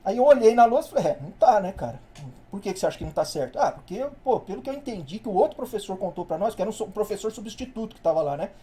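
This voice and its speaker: Animated, fast-talking male professor. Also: sits high. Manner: slangy, animated storytelling with acted-out quotes. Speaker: university professor. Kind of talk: casual anecdote told in class.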